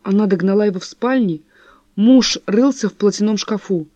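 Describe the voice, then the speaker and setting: Measured woman audiobook narrator. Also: mid-range voice, warm tone, dry recording, lo-fi sound. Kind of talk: scripted narration.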